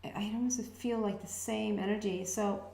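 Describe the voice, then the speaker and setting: Speaking in a gravelly mid-range voice with a Swedish accent, a Swedish-born channel host gives a casual intuitive astrology reading to camera. She pauses often and muses hesitantly while sensing messages, and the room around her echoes.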